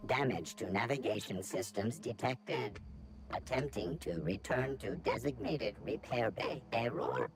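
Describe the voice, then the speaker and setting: Calm automated repair machine. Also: male voice, mid-range voice, gravelly, a crowd in the background. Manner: flat, measured announcements. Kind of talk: video game machine dialogue. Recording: noisy game audio capture.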